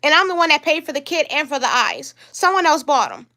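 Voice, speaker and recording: Brief: young woman, high voice, upset rambling livestream vlogger. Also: very animated, a little fast, pushed and bright. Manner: upset, rambling, repeats herself. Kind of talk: livestream vlog talk.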